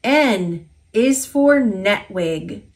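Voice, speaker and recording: An American-accented woman with a mid-range voice reads aloud from a toddlers' alphabet picture book. She sounds animated and articulates in a simple, deliberate way.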